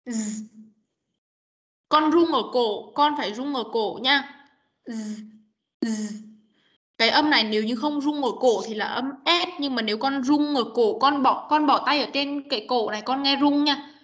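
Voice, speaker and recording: A woman's voice: high-pitched, a little slow, a bit bright. A woman teaching an online class, patiently coaching young students on pronunciation and modelling each sound again and again over a video call. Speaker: English teacher. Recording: dull muffled video call audio.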